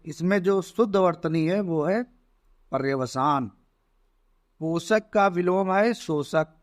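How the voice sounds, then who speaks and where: A man talks through exam questions like a teacher, unhurried and deliberate. His voice sits slightly high, and the sound is dry and close, with no room around it. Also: no room sound. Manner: slow, deliberate, repeats "theek hai" often. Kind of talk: exam paper walkthrough lesson.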